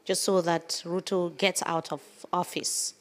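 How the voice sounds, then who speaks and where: A woman's voice: fairly low pitch, flat delivery, measured pace. A woman in the audience pressing a speaker with skeptical follow-up questions.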